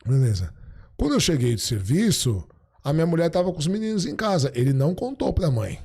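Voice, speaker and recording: Mellow-voiced man telling lively stories. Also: fairly high pitch, a little fast, gravelly, slightly rough. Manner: animated, acts out quoted dialogue. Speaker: podcast guest. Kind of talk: casual storytelling chat.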